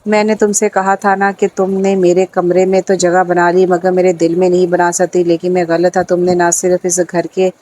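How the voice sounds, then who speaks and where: A woman voicing a proud young husband, stern at first and then tender, in a firm, even delivery. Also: on the low side, hardly any pauses, close to an everyday voice.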